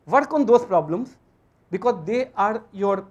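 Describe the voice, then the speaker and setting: A man with an Indian accent giving a motivational lecture to students, emphatic, repeating phrases and asking rhetorical questions in a husky voice. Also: high-pitched, lively intonation, unhurried. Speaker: physics lecturer. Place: auditorium stage.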